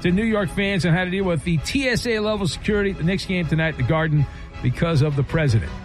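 Man, sports radio host, smooth patter, quick and playful, high voice, studio mic. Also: faint music behind. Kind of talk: late-night call-in radio show.

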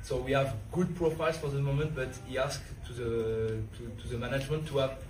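Male press-conference interpreter translating consecutively, halting and repetitive, caught on a distant mic in a noisy echoing room. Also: mid-range voice, steady tone. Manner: halting, repeats words while translating. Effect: spoken English translation following a speaker, consecutive interpreting.

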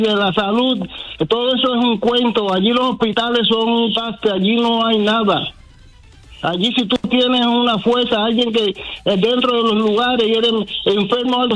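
Indignant caller on phone line. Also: male voice, very high-pitched, fairly bright tone. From Cuba. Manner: indignant, emphatic lists. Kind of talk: call-in radio talk.

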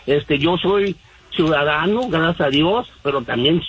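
A man from Mexico calls in to a radio show over a phone line, rambling and using many fillers. His voice is on the high side and unhurried, and the poor audio carries a little hiss or hum.

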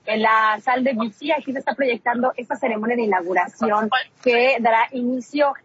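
Husky woman reporting over a laptop-speaker line. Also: fairly high pitch, brisk. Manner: chatty, many fillers and restarts. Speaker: news correspondent. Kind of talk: live news report by remote link. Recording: muffled, lo-fi call line.

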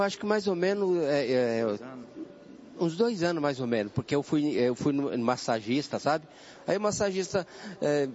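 A man in his sixties giving a personal religious testimony, talking haltingly with many repeated words and calling the listener brother. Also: fairly high pitch, a little mellow, dull audio, a little hiss or hum. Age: 60s. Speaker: church testimony guest.

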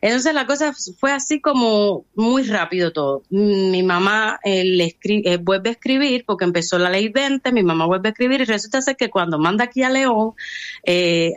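A woman from Cuba with a Cuban Spanish accent, talking through her story as an interview guest, with hesitations, restarts and lively quoted voices. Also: mid-range voice, no echo, dull audio. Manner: hesitant, many restarts and fillers, lively when quoting others. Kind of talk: conversational storytelling.

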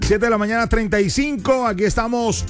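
Man, coastal Colombian accent, morning radio host, high voice, playful banter, soft music bed. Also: fairly quick. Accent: Colombian Caribbean coast.

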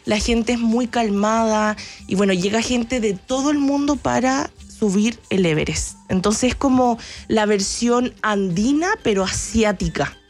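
A Chilean woman with a somewhat high voice tells travel stories in a lively, talkative way, a radio guest who laughs easily. Faint music plays under her speech. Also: unhurried, hardly any pauses. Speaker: travel agency press chief, guest. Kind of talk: radio interview, enthusiastic travel talk.

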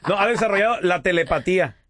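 A Mexican man in his forties banters on a radio show and teases his co-hosts. His voice is high, bright and a little husky. He sounds dry and close, with faint music behind him. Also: fast, no echo. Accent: Mexican Spanish. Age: 40s. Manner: teasing, reads out viewer comments. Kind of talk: casual banter.

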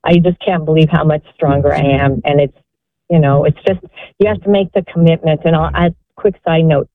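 A woman's voice: sits low, fairly even intonation, a little fast, dry recording. A woman in her sixties calling in to a show, earnestly encouraging others with a rambling story. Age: 60s. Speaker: caller. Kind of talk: call-in show testimony. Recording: phone-line sound.

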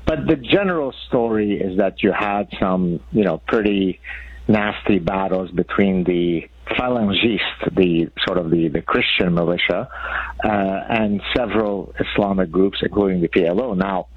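A man's voice: deep voice, a little slow, no room sound, narrow, tinny audio. A man around sixty, from Lebanon, a guest author explaining his ideas in an articulate, professorial way. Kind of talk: radio interview.

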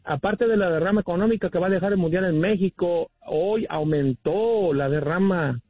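A Mexican man phones in to a radio show and lectures the hosts with firm opinions. His voice is high and husky, and it comes through a dry, tinny phone line. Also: normal speed, dry recording. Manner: opinionated, preachy, addresses "muchachos". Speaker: caller. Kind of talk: phone-in rant.

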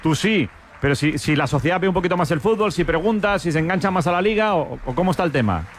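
A man with a Spain Spanish accent hosting a radio sports show, quick and joking as he fires questions at his guests. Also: high voice, lively intonation, a little hiss or hum. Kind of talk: lively radio sports chat.

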